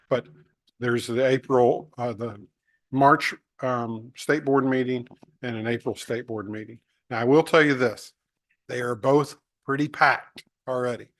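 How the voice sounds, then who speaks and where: A staff member briefing an advisory board at a public meeting, pausing often and searching for the right words. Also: male voice, mid-range voice, fairly bright tone, no room sound, studio quality. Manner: searching for words, many uh fillers.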